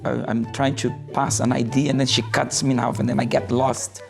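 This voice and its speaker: A middle-aged man speaks as a talk show guest, his voice gravelly with fry. He hesitates and hunts for words. Clear music plays behind him. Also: mid-range voice, flat delivery, a little fast. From Brazil. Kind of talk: casual talk show chat.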